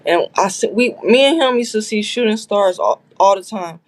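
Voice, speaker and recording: A woman's voice: mid-range voice, lively intonation, moderate pace. A woman telling her past story candidly in a casual interview, bluntly acting out quotes. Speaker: guest recounting her past.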